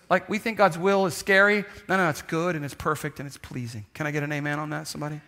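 A man's voice: fairly high pitch, a bit bright. A man preaching a conversational sermon as a pastor, emphatic and repeating phrases for effect.

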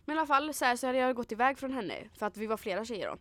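A woman's voice: a little high, expressive, pushed and bright, no room sound. A young woman from Sweden in casual chat, retelling a night out with acted quotes and lots of fillers. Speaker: storyteller in a chat.

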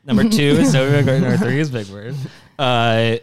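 A man co-hosting a podcast in casual chat, hesitant, with many uhs and pauses. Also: medium pitch, sing-song, no room sound. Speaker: podcast co-host.

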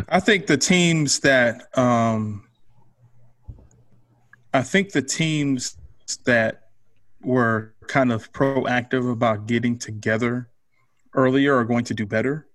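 A man co-hosting a casual sports podcast, talking through his predictions in a relaxed, analytical way with loose phrasing and fillers. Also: mid-range voice, takes it slowly, pauses often, dry recording. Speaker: podcast co-host.

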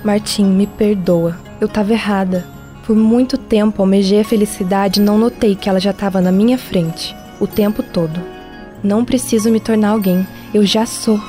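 Casting: woman playing affectionate Brazilian mother in a radio soap, mellow voice, earnest emotion, faint music behind. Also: medium pitch, fairly even intonation, normal speed, lightly acted. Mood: tender, remorseful. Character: tender, emotional mother and singing teacher. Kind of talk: radio soap opera acting.

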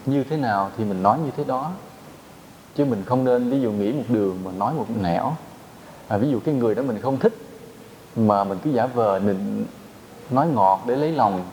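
A man's voice: mid-range voice, darkish tone, a little hiss or hum, rough recording. A man, a Buddhist monk giving a dharma talk to fellow monks, teaching in a plain conversational way with rhetorical questions.

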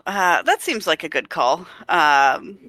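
Bright chatty woman host. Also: fairly low pitch, very animated, takes it slowly, no room sound. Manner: chatty, laughs easily. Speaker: podcast host. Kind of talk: casual podcast chat.

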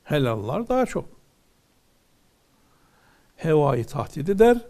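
A man's voice: on the high side, very animated, slow pace, a little mellow. A man teaching from a religious text, reading ornate old wording aloud and then explaining each phrase in plain words.

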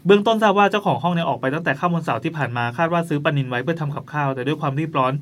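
A man co-hosts a casual podcast, reading strange news stories aloud in a quick, playful way. His voice is on the high side, expressive and fairly bright, and he gives the headlines exaggerated, dramatic emphasis.

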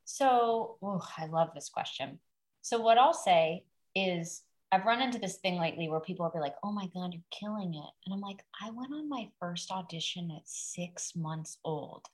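Guesting on a podcast, an actor in her thirties talks at a moderate pace in a fairly low-pitched voice. She's an animated storyteller in casual conversation, acting out the quotes and laughing at herself along the way.

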